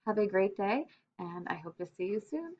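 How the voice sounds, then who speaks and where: A woman teacher giving a recorded lesson to young children, upbeat, slowing down to stress example phrases. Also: mid-range voice, very animated, a little mellow. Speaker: elementary school teacher. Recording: slightly dull computer-mic sound.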